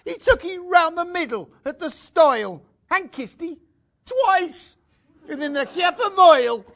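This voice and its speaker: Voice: very high voice, big pitch swings, measured pace, fairly bright tone, exaggerated voice. A performer playing a jealous young man, reciting a dialect verse dialogue with a blustering, reproachful manner. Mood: accusing. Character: young male country lover, jealous and hot-tempered.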